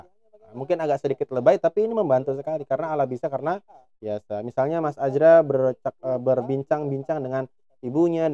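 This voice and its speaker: A man teaching recitation in a live lesson, speaking slowly with a somewhat raised pitch and a mellow, smooth tone. He breaks into long, drawn-out chanted examples between calm explanations. The sound is dry and a little dull. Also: dry recording.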